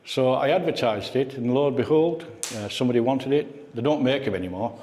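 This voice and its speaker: Here the voice is medium-pitched and darkish, moving a little fast. The man is a guest speaker at an indoor club meeting, giving a conversational talk full of memories and questions for his listeners, with echo from the room.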